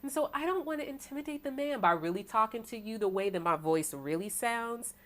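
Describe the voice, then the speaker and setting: Preaching tarot to viewers online, this American woman, who calls her voice deep, sounds expressive. She keeps throwing out the rhetorical "right?" over and over, her sermon punctuated by quick bursts of speech.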